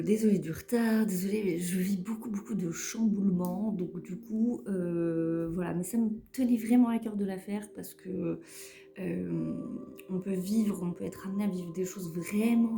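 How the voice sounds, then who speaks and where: A woman's voice: on the low side, dark tone. A woman giving a casual weekly card reading, talking hesitantly with many fillers and repeated words. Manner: self-mocking about her English. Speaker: tarot reader giving a weekly guidance. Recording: roomy echo with faint music behind.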